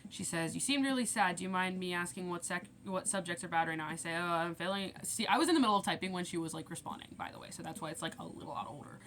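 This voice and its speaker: A woman's voice: on the low side, fairly even intonation, rapid-fire, hardly any pauses, a little hiss or hum. A teenage girl rambling through a casual storytime rant, acting out conversations as she goes. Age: teens. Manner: rambling, quotes conversations with shifting loudness. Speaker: vlogger.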